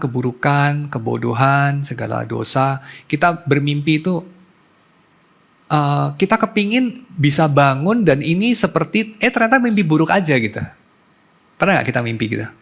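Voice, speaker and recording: Pastor guy preaching, gravelly husky voice, chatty storytelling, drops english words in. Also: fairly high pitch, animated, moderate pace, long pauses, fairly bright tone. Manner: mixes in English terms. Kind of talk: sermon.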